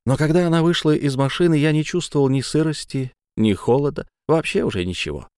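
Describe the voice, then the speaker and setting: A man narrating a first-person novel as an audiobook, in a measured, dramatic reading. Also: a little high, a little mellow, clear, resonant tone, dry recording, clean studio sound.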